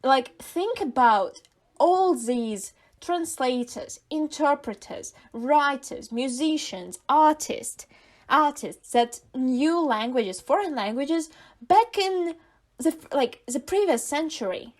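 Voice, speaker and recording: With a high, animated voice and a Russian accent, this woman, a native Russian speaker, chats casually as a podcast co-host. She pauses thoughtfully and leans on fillers while hunting for the right words.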